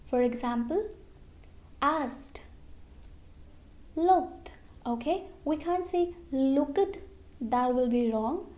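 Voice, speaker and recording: Woman, high voice, very slow, pronunciation teacher, repeats words, frequent okays. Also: lively intonation, a little mellow. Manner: slow, repeats words, says okay often. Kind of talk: slow explanatory lesson.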